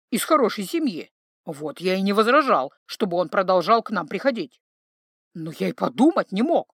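A woman's voice: fairly low pitch, no echo, studio quality, voice pushed down. Woman doing a scheming mock-tragic man. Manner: sighing, mock-tragic, sanctimonious. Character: scheming sly middle-aged man, posing as veteran.

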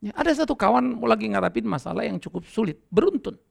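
A middle-aged man preaching a sermon as pastor, lively and conversational, acting out quoted dialogue and laughing with his listeners. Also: high voice, fast talker, vocal fry. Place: church.

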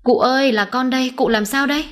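A loyal young servant shouts for help in a panic, as a woman narrator puts him on. His cries run high, well above her usual pitch. It is an audio storybook reading. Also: fast talker, close to an everyday voice. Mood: panicked.

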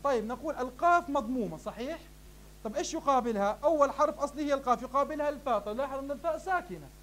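Speaking at an extremely high pitch and very fast, this man is expressive as he teaches Arabic morphology to a class. He is a sheikh who asks his own questions, supplies the answers, and affectionately addresses everyone as "beloved ones."

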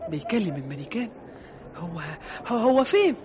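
A woman playing a curious soft-hearted passerby. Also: mid-range voice, very animated, fairly quick, dull audio, a crowd in the background, natural voice. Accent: Egyptian Arabic. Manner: curious, wondering. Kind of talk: 1960s Egyptian radio drama acting.

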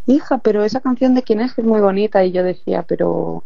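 A young singer-songwriter from Madrid, Spain, answers interview questions thoughtfully and hesitantly in a Madrid Spanish accent. Her medium-pitched voice is fast, gravelly, and dark, heard through a dull, dry, lo-fi recording.

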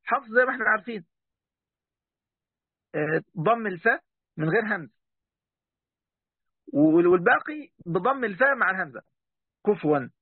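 A man's voice: high voice, lively intonation, fairly quick, long pauses, husky, dry recording, narrow, tinny audio. A man with an Egyptian accent teaching an online class as a sheikh, reading passages aloud and explaining them in a chatty way, talking straight to his students. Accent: Egyptian Arabic. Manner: chatty, talks straight to his students, breaks off mid-word.

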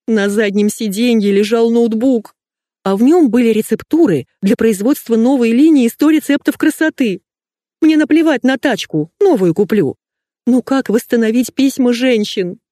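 A woman's voice: expressive, moderate pace, warm tone, dry recording, studio quality, lightly acted. A woman reading an audiobook and voicing a hysterical young woman friend who wails and complains indignantly. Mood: indignant wailing. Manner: wailing, shrill and indignant.

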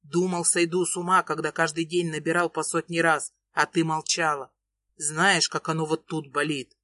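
A woman's voice: level tone, moderate pace, bright, forceful tone, dry recording. A woman playing a growling young lover. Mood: pleading. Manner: low pleading growl. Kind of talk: audiobook reading.

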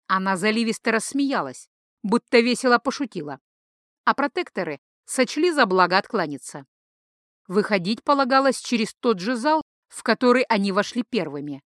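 A woman narrating a fantasy audiobook in an even, measured storytelling voice. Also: mid-range voice, no echo, clean studio sound.

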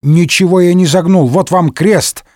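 A man's voice: sits high, measured pace, darkish tone, no room sound, studio quality, voice pushed up. A man voicing a boastful old musketeer nobleman. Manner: exclamatory, tall-tale bragging.

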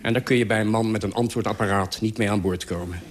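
A man's voice: lowish voice, fairly even intonation, fast talker. A man reading out a humorous, self-mocking radio column in a dry, wry manner.

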